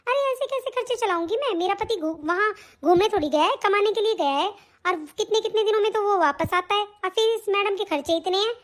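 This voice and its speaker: A woman's voice: very high-pitched, a little fast. A woman playing a stingy, harsh young daughter-in-law who scolds and threatens her mother-in-law. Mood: scolding. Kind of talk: hobby family-drama acting.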